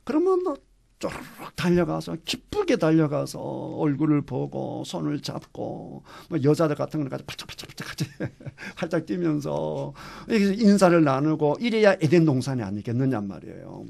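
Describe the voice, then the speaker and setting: Man, pastor, gravelly voice, lively Bible class teaching, questions to the class. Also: fairly high pitch, normal speed. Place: church classroom.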